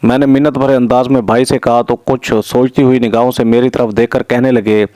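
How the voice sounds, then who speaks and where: A male storyteller reading a scripted tale in a measured, even way. His voice is mellow and dark, recorded close in a dry room with no echo. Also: medium pitch. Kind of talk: scripted narration.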